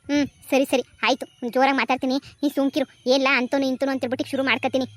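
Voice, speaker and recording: A woman voicing a bossy, scheming middle-aged village mother in a cartoon comedy, with a rapid, scolding delivery. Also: high-pitched, level tone, no echo, close to an everyday voice. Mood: agreeing.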